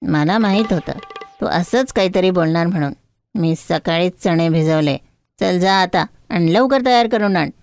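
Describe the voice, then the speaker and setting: A domineering cartoon mother-in-law, cruel and scheming, who barks orders and taunts, voiced by a woman in a voice dropped lower and darker than her narration. Faint music plays under her. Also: normal speed, a little mellow, lightly acted. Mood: scolding. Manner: scolding, taunting, commanding.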